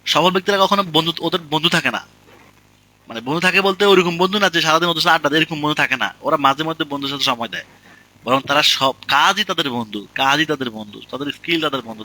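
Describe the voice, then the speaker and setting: A man's voice: fairly high pitch, quick pace, pushed and bright, rough recording. A man giving a motivational lecture in a class, throwing rhetorical questions at his students in colloquial speech. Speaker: course instructor.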